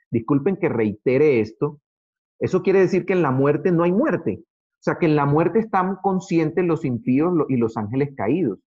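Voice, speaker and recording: A man teaching an Adventist Bible study in an earnest way, addressing his listeners as brothers and slowing down to read verses aloud. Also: mid-range voice, darkish tone, husky. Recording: dull lo-fi recording.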